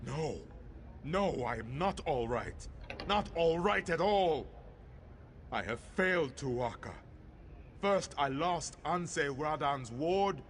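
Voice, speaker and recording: An actor playing an anguished, devout warrior priest in a video game, with solemn, formal delivery. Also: male voice, fairly high pitch, a bit bright, a little hiss or hum. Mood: despairing. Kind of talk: dramatic video game voice acting.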